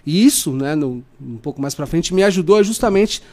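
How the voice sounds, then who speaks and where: A man's voice: fairly high pitch, animated, normal speed, a little mellow. A man with a Brazilian Portuguese accent, a podcast guest chatting casually in an informal, slangy, earnest way. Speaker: podcast guest, lie-detection expert. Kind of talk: casual chat.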